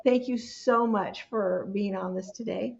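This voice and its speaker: A podcast host speaks in a mid-range, creaky voice with a steady tone and measured pace, and the recording sounds muffled. During the interview and outro, she affirms her guest with frequent encouraging murmurs before closing the episode.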